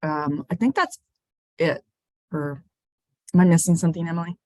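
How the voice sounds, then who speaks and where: A man giving a relaxed funding update on a video call, with small asides. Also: on the high side, normal speed, dry recording. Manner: relaxed, talks through funding details with asides. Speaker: transit agency staff. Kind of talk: casual meeting update.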